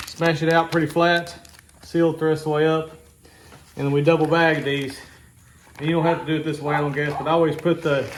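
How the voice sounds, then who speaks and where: A man's voice: a little high, reverberant, slight background noise. A man casually explaining a home cooking task in a rambling, easygoing, self-joking way. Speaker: homestead vlogger. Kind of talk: casual how-to vlog.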